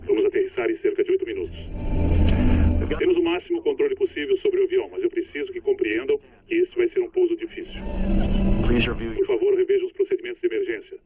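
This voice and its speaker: A grave airline captain over the cockpit announcement. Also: male voice, very high-pitched, wildly swooping pitch, creaky, narrow, tinny audio, heavily acted. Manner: measured, grave and direct. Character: steady male airline captain addressing passengers. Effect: cockpit public address announcement. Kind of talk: dubbed documentary reenactment. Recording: loud engine noise, distant announcement. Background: roaring aircraft noise.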